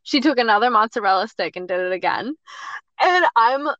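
A woman guesting on a podcast, telling a story in an animated way and laughing often. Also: on the high side, brisk, no room sound, lo-fi sound.

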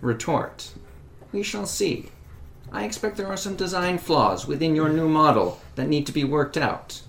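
A woman's voice: sits low, animated, measured pace, creaky, slight background noise, heavily acted. A woman voicing an old, outdated but defiant robot in a tabletop game, stiffly announcing each kind of sentence before saying it. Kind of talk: tabletop role-play.

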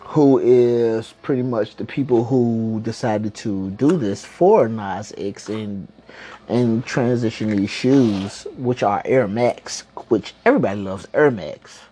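A man's voice: fairly low pitch, takes it slowly, mellow. A man hosting a casual podcast from home, rambling along in slang and swearing freely. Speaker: podcast host. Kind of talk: casual chat.

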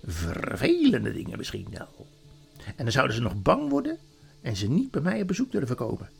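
A man voicing a scheming queen who sweet-talks a boy, with a wheedling, singsong manner and a raspy, gravelly edge. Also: medium pitch, wildly swooping pitch, soft background music, exaggerated voice. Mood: sly wheedling. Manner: honeyed, wheedling, drawn-out singsong.

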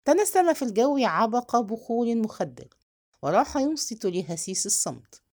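A woman narrating a novel as an audiobook, reading in an expressive, measured storytelling manner. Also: a little high.

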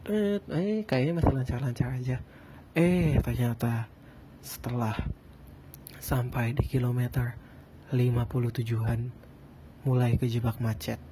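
Mellow man who can't roll his r. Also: medium pitch, unhurried, long pauses, a little hiss or hum. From Bandung, Indonesia. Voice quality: lisped, non-rolled r. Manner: rambling, self-deprecating, slangy. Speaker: podcast host. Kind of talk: casual solo podcast chat.

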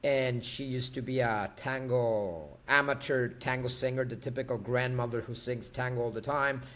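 A man's voice: medium pitch, steady tone, moderate pace, fairly bright tone. A man, a guest on an interview, talking casually, laughing and repeating words for emphasis. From Argentina. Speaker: guest, actor and tango dancer.

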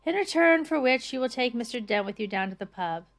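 A woman voicing a flustered, pompous middle-aged male official who talks in halting, fussy bursts in an audiobook reading. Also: fairly high pitch, animated, voice pushed up. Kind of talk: audiobook character voice.

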